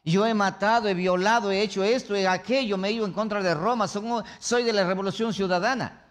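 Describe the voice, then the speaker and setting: A preacher acting out a bragging condemned criminal, a man stunned that he could go free. He speaks in a high male voice and piles up his crimes one after another in disbelief. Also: fairly even intonation, fairly quick, lightly acted. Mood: incredulous. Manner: incredulous, bragging.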